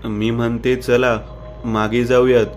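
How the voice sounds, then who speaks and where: Give me a man voicing a frightened young woman from a horror story, spoken flat and even. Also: medium pitch, slow, soft background music, close to an everyday voice. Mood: scared. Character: frightened young woman pleading to turn back.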